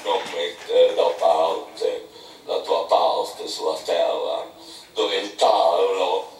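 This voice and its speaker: A man voicing a gloomy, pious old ship-owning captain who mutters slowly and solemnly. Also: deep voice, fairly even intonation, a little mellow, a little hiss or hum, voice pushed down. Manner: slow sepulchral muttering. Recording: echoey room, mic far off.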